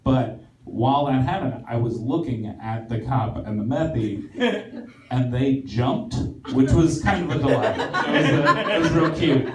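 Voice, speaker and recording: A man's voice: mid-range voice, lively intonation, unhurried, crowd noise. A man doing stand-up on a theater stage, telling a story in a rambling, self-deprecating way with lots of fillers and restarts, while the audience laughs. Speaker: stand-up comedian. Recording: roomy echoey live theater recording from far off.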